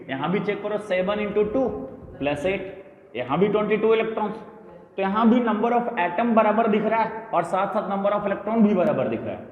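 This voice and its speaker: A man teaching a chemistry lecture to a class, explaining step by step, checking in with the students often, and drawing out key terms slowly as he writes them. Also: high voice. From India. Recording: echoey classroom with long reverb.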